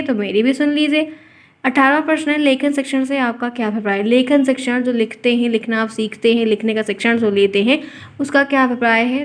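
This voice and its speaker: Woman teaching an exam-prep class. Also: a little high. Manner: explanatory, repeats key points, mixes English words into Hindi.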